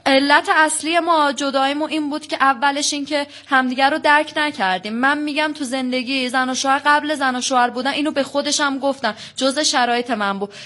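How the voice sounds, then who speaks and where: A young woman telling a counselor about her marriage in long, fast runs, acting out past exchanges. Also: high-pitched, steady tone, bright, forceful tone. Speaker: guest on a counseling show. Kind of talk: emotional personal account.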